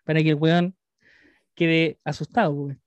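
A man's voice: a little high, little pitch movement, measured pace, clean tone, dry recording, dull audio. A Chilean man co-hosting a podcast, ranting crudely in casual banter and swearing often. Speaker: podcast co-host.

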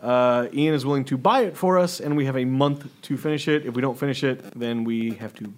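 A man's voice: medium pitch, brisk. Young male co-host, twenties, teasing, casual banter. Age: 20s. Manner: joking, teasing. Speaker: podcast co-host. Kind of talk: casual chat.

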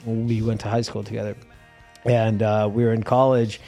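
A man with a hoarse, raspy, worn voice, telling stories casually and informally as an interview guest. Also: lowish voice, little pitch movement, moderate pace, mellow, faint music behind. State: hoarse, losing his voice. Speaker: guest musician in a band. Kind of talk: casual conversational storytelling.

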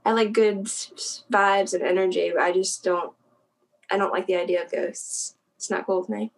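A young adult woman from South Central Pennsylvania, a guest in a casual interview, chatty and quick to laugh, often trailing off and restarting her sentences. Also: medium pitch, steady tone, creaky.

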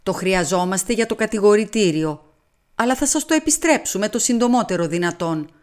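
A woman voicing a brisk, formal male police inspector who speaks firmly in a storybook reading. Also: mid-range voice, lively intonation, darkish tone, close to an everyday voice.

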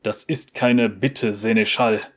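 A man's voice: fairly low pitch, fairly even intonation, slow, fairly bright tone. A man voicing a stern king who gives orders curtly. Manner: curt, commanding. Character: stern commanding king, curt and impatient.

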